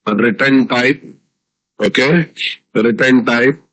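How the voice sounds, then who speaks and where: Slow-paced Telugu-accented man teaching. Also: medium pitch, a bit bright, low-quality recording. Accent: Indian, Telugu. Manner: repetitive, with frequent checking questions to students. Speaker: programming teacher. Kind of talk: live online coding lecture.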